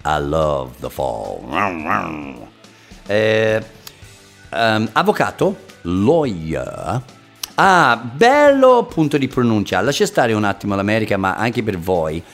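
A man's voice: fairly low pitch, big pitch swings, slow pace. A man hosting a casual podcast lesson, playful and jokey, slipping between languages. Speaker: podcast host, English teacher. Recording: faint guitar music behind.

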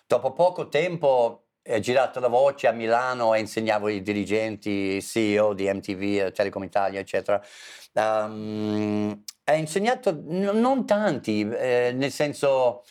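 In a conversational interview, a man who is an English teacher and author teaches in Italian with a lowish voice at a moderate pace. He is animated yet hesitant, and he switches between Italian and English.

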